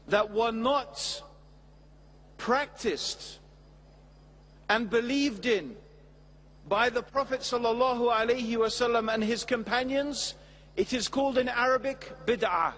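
A middle-aged man giving a measured, emphatic religious lecture at a stand mic on a large studio stage before an audience. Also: very high voice, big-room sound. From England. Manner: measured, emphatic, with expressive hand gestures. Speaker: Islamic preacher. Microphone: stand mic at a lectern.

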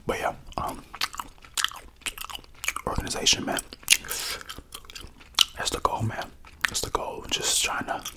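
A man's voice: takes it slowly, pauses often. A young American man giving a casual, slangy, rambling ASMR whisper close to the mic while chewing gum. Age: young adult. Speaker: ASMR creator and podcaster. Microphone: close desktop condenser mic with foam cover.

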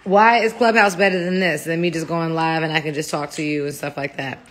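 Chatty low-voiced woman on a phone livestream. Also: steady tone, a little fast, slight background noise. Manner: chatty, rambling, laughs easily, motherly with kids. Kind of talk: casual livestream chat. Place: home kitchen, indoors. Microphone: phone held close.

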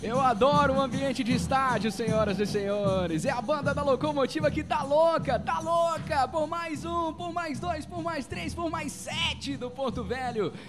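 A Brazilian man doing live football commentary with explosive, drawn-out shouted goal calls and excited repetition. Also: very high-pitched, over music. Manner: excitable, repeats catchphrases.

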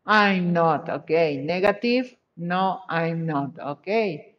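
A woman's voice: on the low side, slow pace. A woman English teacher from Mexico, checking answers in an online class with patient, repeated praise. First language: Spanish. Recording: dull lo-fi video call audio.

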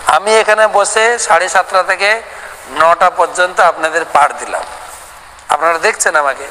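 A man giving a devotional scripture lecture and answering listeners' questions, animated, acting out little dialogues and slowly chanting mantras. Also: high voice. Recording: long hall reverb with faint background noise.

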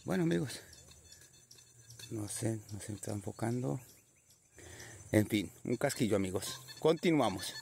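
A man's voice: fairly low pitch, expressive, measured pace, vocal fry, long pauses, a little mellow, slight background noise. A man narrating a casual outdoor metal detecting vlog, chatty and constantly addressing his viewers as friends. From Colombia. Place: outdoors in nature.

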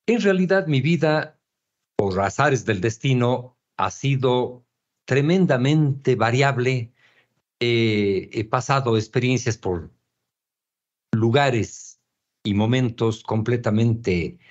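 Older guy talking real slow, stops and repeats a lot, dull lo-fi sound. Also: medium pitch, expressive. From Ecuador. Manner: slow and hesitant, repeats words while searching. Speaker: interview guest, painter and author. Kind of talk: reflective interview talk. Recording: dull lo-fi audio.

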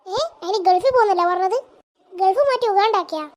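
A woman voicing a naive, chatty middle-aged woman in a cartoon, with a squeaky, argumentative manner. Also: fairly quick, darkish tone, slight background noise. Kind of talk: cartoon voice acting.

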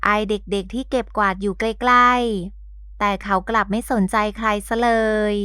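A woman narrating a romance audio novel in a calm, gentle storytelling manner. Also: medium pitch, unhurried, dry recording, studio quality. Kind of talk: scripted narration.

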